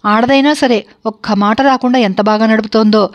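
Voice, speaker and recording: A woman's voice: fairly high pitch, steady tone, moderate pace, muffled recording, lightly acted. A woman voicing a simple, kindly older village woman who chatters innocently, in a spoken story. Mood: chattering.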